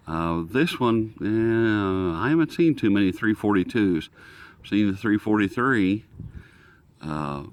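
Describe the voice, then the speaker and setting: Outdoors, a low-voiced American man who hosts a radio review video talks through a product review casually and without a script. He's halting, often thinking aloud as he works out the details.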